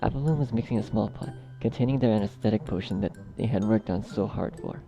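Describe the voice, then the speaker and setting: In these outtakes, a man acting as narrator and editor tries to tell a story but keeps restarting sentences, swearing at himself in exasperated, self-berating asides. His voice is on the low side, quick and creaky. Loud music plays over him.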